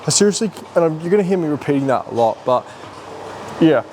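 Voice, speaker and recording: A man's voice: on the high side, animated, quick pace. A man talking casually through their workout in a gym, explaining things in an informal, rambling way as a fitness vlogger. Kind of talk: casual workout vlog, explaining as they train. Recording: noisy room with ambient hum.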